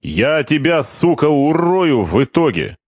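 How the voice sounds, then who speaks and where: A drunk, foul-mouthed young corporal barks threats and curses in a pitched-up voice, as a male reader puts him on. He swaggers and bullies. The sound is dry and close. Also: very animated, a little slow, no echo. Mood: drunken bullying. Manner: shouting, swearing, threatening.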